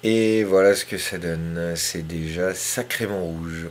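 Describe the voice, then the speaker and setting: A man with a very low voice walks through a hands-on tutorial at an unhurried pace, explaining each step as he works. He often talks half to himself, dropping into soft murmurs. The recording was made in a home kitchen and carries a steady, clearly audible noise. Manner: calm, step-by-step, talks to himself while working, drops to murmurs. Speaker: hobbyist astrophotographer.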